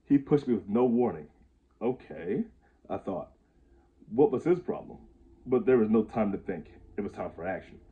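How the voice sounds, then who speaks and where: A man's voice: on the low side, expressive, normal speed. A man in his twenties casually reading aloud his own handwritten story, stumbling over the words and chuckling at himself. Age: 20s. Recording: tinny phone-like audio.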